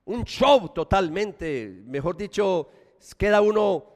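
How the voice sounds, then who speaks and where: Animated Paisa pastor preaching in a hall. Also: male voice, high voice, takes it slowly. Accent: Colombian Paisa. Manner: animated preaching, swings from loud emphasis to quiet asides. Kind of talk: sermon.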